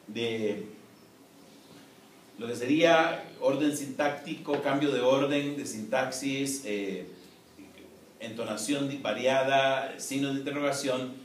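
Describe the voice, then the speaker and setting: Professor lecturing in an echoey classroom. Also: male voice, medium pitch. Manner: measured, explanatory, frequent "eh" and "¿no?" tags. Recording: echoey room, distant mic, faint noise.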